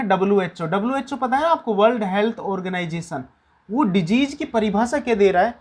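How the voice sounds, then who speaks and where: Chatty male teacher joking with students. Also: high voice. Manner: tells doctor jokes in a chatty storytelling way. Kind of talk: classroom lecture with jokes. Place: classroom with a board.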